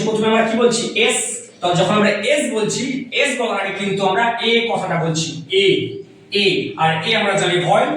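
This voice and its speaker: A man with a fairly high voice teaches a grammar lesson, sounding out each letter and repeating himself patiently. He is recorded from a distance in a very echoey bare room. Faint background noise sits under his voice. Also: bright, forceful tone. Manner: repeats words and asks "understood?"; spells out sounds slowly, writing as he talks. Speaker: English teacher. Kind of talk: explaining grammar in a classroom lesson. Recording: very echoey room, voice far from mic.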